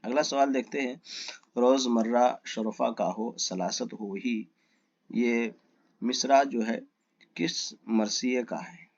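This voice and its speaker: Man, teacher, exam question walkthrough, reads options then gives answers, mid-pitched voice, slightly dull recording. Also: fairly even intonation.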